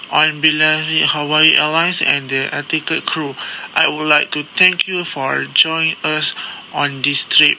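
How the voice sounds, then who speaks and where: A man playing an airline captain, reading cabin announcements slowly with slips and restarts. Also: on the high side, gravelly, bright, forceful tone, a little hiss or hum, exaggerated voice, rough recording. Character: airline captain and crew member making announcements. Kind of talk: read-aloud cabin announcements.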